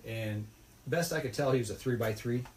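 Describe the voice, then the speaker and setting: A man's voice: medium pitch, a little fast, slight background noise. A man telling a rambling, folksy story about a fishing trip in casual podcast chat. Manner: rambling, folksy, animated retelling.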